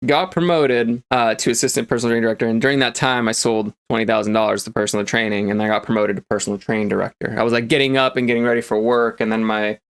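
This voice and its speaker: Delivering a high-energy, casual pep talk as a motivational coach, a man speaks emphatically with lots of fillers and the odd swear word for emphasis. He has a clean, mid-range voice, a fast pace and few pauses.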